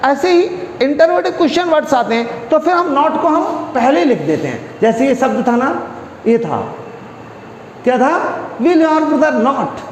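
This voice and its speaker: A man teaching a classroom English grammar lesson who explains slowly, repeats words and asks the class questions. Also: extremely high pitch, expressive, slight background noise. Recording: echoey room with a long reverb.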